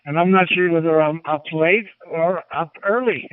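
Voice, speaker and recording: A man from the United States speaking as an amateur radio operator over two-way radio, making unhurried procedural calls and spelling in phonetic alphabet. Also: on the high side, no room sound. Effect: two-way radio, walkie-talkie sound. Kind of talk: ham radio contact, unhurried procedural call. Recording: narrow phone-like radio audio, distant.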